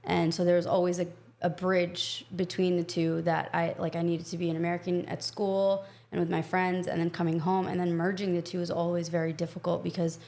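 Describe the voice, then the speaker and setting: Female interview guest from Egypt with a low, creaky voice; blunt and opinionated. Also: level tone, darkish tone. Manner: frank, opinionated, talks in quick bursts. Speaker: podcast guest. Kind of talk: casual interview conversation.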